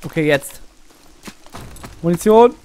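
Excitable man, gameplay commentary, lively swings in pitch, noisy game audio behind. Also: slow pace. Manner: excitable, swears and yells at the game. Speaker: let's play gamer. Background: game gunfire and noise.

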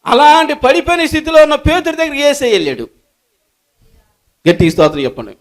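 Male pastor, high-pitched, fervent sermon delivery with repeated calls. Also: lively intonation, brisk. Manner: preaching with rising shouted bursts and repeated calls for praise; low murmured prayer. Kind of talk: Telugu sermon with prayer.

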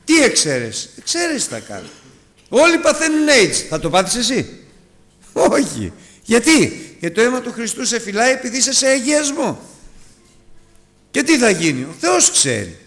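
A man preaching a sermon to his congregation, calling them brothers and moving between loud urgent appeals and hushed asides. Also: wildly swooping pitch. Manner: dramatic, rises and drops sharply in pitch and loudness; addresses listeners as brothers.

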